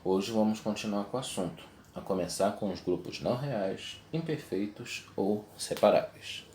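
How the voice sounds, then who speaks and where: A man's voice: on the low side, moderate pace, a little mellow, slight background noise. A young adult man teaching a video lesson, explaining step by step and checking in with his class.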